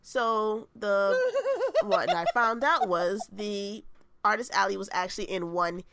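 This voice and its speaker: Smooth and mid-range, a little slow, this woman's voice is recorded dry as she co-hosts a podcast. In casual conversation she tells a story with animation, acting out the quotes.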